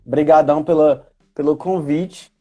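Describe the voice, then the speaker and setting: Through narrow, tinny audio, a man from Ceará in his thirties with a Northeastern Brazilian accent speaks unhurriedly in a slightly high voice with fairly even intonation. As a guest history teacher and educational coordinator on a casual live chat, he's chatty and keeps adding tag questions to seek agreement.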